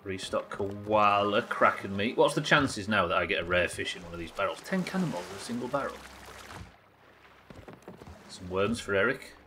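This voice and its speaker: An animated British man in his thirties, speaking at a moderate pace in a lowish, pushed and bright voice, streams a game live from a small indoor room. His casual commentary rambles, swears and questions itself as he chats with viewers, with slight background noise present.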